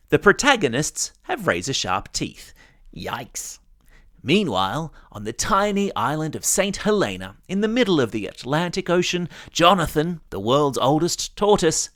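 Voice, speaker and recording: An Australian man with a slightly bright voice on the high side hosts a news podcast for kids. He reads scripted stories in a chatty, playful way, talking directly to young listeners, in a dry, studio-quality recording.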